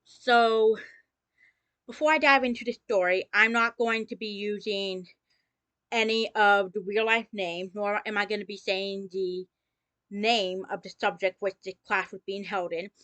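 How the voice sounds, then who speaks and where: Bright-voiced woman telling a sarcastic story. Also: mid-range voice, fairly even intonation, unhurried, no room sound. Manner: theatrical spooky greeting, then chatty with sarcastic asides. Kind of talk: casual story time vlog.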